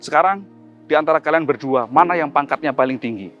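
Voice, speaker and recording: A man's voice: fairly high pitch, fast talker, muffled recording, faint music behind, close to an everyday voice. A man voicing a barbarian captor in a told story, speaking bluntly and demandingly. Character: gruff barbarian tribe captor.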